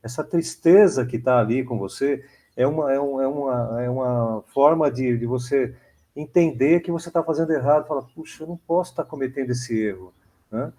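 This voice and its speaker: Husky Brazilian man, dark voice. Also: mid-range voice, moderate pace. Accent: Brazilian Portuguese. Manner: rambling, repeats "né?" often. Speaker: church member in discussion. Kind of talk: church Bible study discussion.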